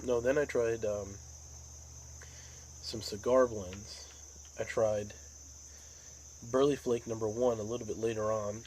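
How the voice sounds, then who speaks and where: American male hobby vlogger, lowish voice, unhurried rambling chat, crickets and outdoor noise behind. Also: fairly even intonation, a little mellow, low-quality recording. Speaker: pipe tobacco vlogger. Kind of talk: casual rambling monologue.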